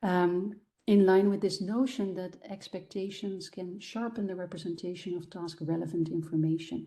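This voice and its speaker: A woman's voice: fairly low pitch, fairly even intonation, normal speed, mellow. A woman giving an academic lecture about her research findings, explaining step by step with frequent ums and restarts. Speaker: guest lecturer.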